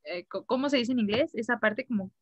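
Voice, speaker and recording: A woman's voice: fairly high pitch, a little fast, husky, no room sound, highs cut off. A woman, a student asking questions in an online English class, hesitant and searching for words.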